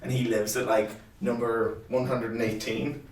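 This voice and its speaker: A man's voice: medium pitch, little pitch movement, normal speed. Male podcast co-host, casual and emphatic, echoey, slightly off-mic. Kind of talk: casual chat. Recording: roomy, distant microphone.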